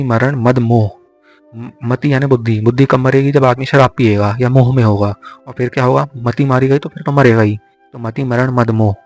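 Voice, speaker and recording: Slow, flat-voiced young male tutor. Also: mid-range voice. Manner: slow repetitive drilling of syllables. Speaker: exam tutor. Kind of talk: explaining Hindi poetics mnemonics. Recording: faint music behind.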